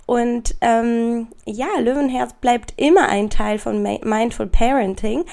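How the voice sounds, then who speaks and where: A woman talks casually to her podcast listeners in a slightly high voice with a lot of gravelly creak. She sounds thick with a cold, nasal and sniffly, with a raw rasp. Her delivery is effusive and emphatic. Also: fairly even intonation, slow pace, mellow. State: congested, stuffy nose from a heavy cold. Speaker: podcast host. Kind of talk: casual solo podcast talk addressed to the listener.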